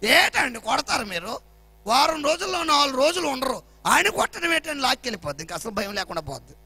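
A man's voice: very high-pitched, very animated, brisk, creaky, bright, forceful tone, husky, no room sound, voice pushed up, exaggerated voice. A man voicing his wife, a protective mother who scolds her husband for hitting their son. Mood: scolding.

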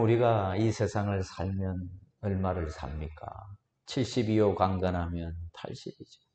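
A man's voice: medium pitch, a little mellow. A male pastor preaching a sermon with rhetorical questions and sudden rises, recorded in a church sanctuary. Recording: roomy church hall reverb.

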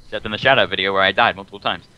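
A man's voice: low-pitched, racing, lo-fi sound. A man playing a co-op game with friends, teasing them and giving advice. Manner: teasing, know-it-all advice. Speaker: co-op player. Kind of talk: casual gaming chat.

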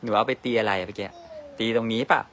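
A man in his thirties, a father chatting casually at home and using soft baby talk with his toddlers. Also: fairly low pitch, fairly even intonation, quick pace, slight background noise. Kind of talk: casual family chat.

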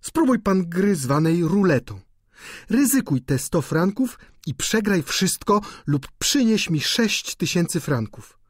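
A man voicing a distraught young baroness, high and pleading. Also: big pitch swings, slow pace, husky, dry recording, clean studio sound, heavily acted. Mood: imploring. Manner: pleading, urgent, tremulous. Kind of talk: audiobook character reading.

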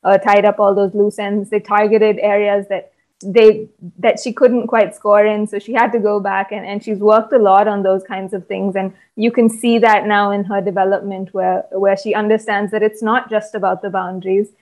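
A young woman with an Indian English accent, analysing a cricket match over a video call in a measured, thoughtful way with frequent ums. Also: medium pitch, little pitch movement, darkish tone. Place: small room indoors. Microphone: earphone mic on video call.

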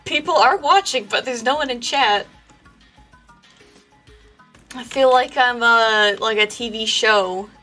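A high-pitched woman talks through a voice changer that morphs her sound, chatting and giggling like a casual streamer. Faint music plays behind her. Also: takes it slowly, pauses often, bright, forceful tone. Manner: giggly, joking, lots of filler words. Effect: voice changer with a slight delay.

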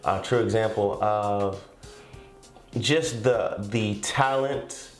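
A young man co-hosting a reaction video, talking earnestly and slowly in casual chat from a small room. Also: on the low side. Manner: earnest, measured reflection. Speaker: reaction channel co-host. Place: small indoor room, plain wall. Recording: roomy with music playing behind.

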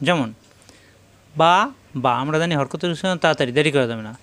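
A man with a Bangladeshi Bengali accent teaching Quran recitation rules step by step, patiently drilling syllables by repeating them slowly. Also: on the high side, a bit bright. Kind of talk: step-by-step tajweed lesson.

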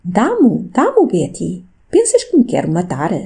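A woman's voice: mid-range voice, wildly swooping pitch, unhurried, gravelly, warm tone, slightly rough, full character voice. A woman voicing an anxious, desperate countess in an audiobook, her pleas urgent and dramatic. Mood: feverish. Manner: pleading, urgent, dramatic reading.

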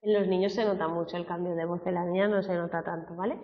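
A woman's voice: on the low side, fairly even intonation, fast talker. Woman lecturing a class, heard from afar. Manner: chatty, peppers sentences with "¿vale?" tags. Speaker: teacher. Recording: roomy classroom, far from a dull mic.

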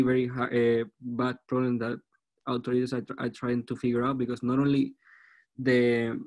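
On an online video call, a Puerto Rican man in his twenties presents academic work as a student researcher, speaking haltingly and repeating words. His voice sits at a medium pitch and sounds a little mellow.

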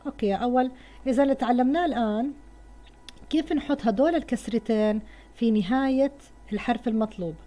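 A woman's voice: on the high side, fast, dark tone. A woman with a Levantine Arabic accent teaching a first-grade lesson to children, patiently spelling out words sound by sound.

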